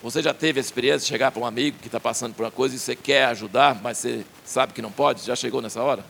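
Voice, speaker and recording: A man's voice: mid-range voice, rapid-fire, gravelly, a bit bright, a little hiss or hum. A man preaching a sermon in a conversational way, asking his listeners questions.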